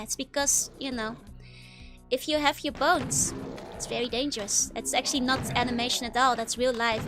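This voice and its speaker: Speaking in a bright, higher register, a young Dutch woman streams a game as a VTuber and reacts to chat. Her talk is loose and rambling, dotted with fillers and little giggles.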